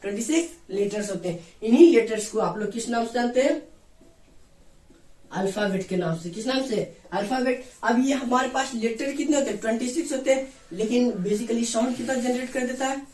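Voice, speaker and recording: A man's voice: extremely high pitch, fairly quick, darkish tone. A man teaching an English grammar lesson, who asks his own questions and answers them, drilling each point over and over. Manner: repeats questions and answers them himself, call-and-response drilling. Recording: echoey room, mic far off.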